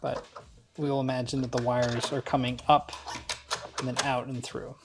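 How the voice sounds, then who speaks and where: A man hosts a hands-on DIY build tutorial, informally narrating each step as he works. His mid-range voice is level in tone at a normal speed, with music playing in the background.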